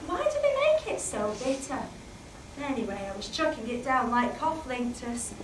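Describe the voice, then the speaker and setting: A British woman playing a chatty, candid middle-aged housewife in a solo comic monologue, swinging from hushed asides to loud outbursts. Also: on the high side, huge pitch swings, moderate pace. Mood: animated. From Britain. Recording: roomy, distant mic, faint background noise.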